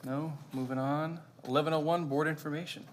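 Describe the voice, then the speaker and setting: A man serving as board president, running through agenda items in a brisk procedural way. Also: on the high side, steady tone, a little hiss or hum. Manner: brisk procedural, trailing off quietly. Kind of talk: chairing a meeting.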